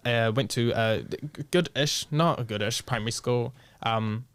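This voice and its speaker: A young man with a New Zealand accent talks frankly in a relaxed interview, swearing freely and dropping in Māori words. His voice sits at an ordinary middle pitch. The recording is close and dry, with no room sound. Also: moderate pace, clear, resonant tone, dry recording. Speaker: guest. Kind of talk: casual podcast interview.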